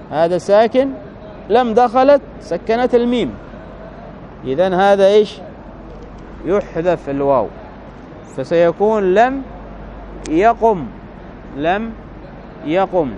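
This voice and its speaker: A man's voice: high-pitched, mellow, slight background noise. A man teaching Arabic grammar, explaining step by step and often checking with the listener whether it is right. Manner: slow, deliberate, keeps asking the listener "right?" to check understanding. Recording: dull lo-fi recording.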